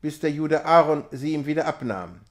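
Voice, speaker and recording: A man's voice: on the high side, expressive, normal speed, lightly acted. A man reading a classic novella aloud, voicing a taunting young male rival peasant in a needling tone. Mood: mocking. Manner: mocking, needling.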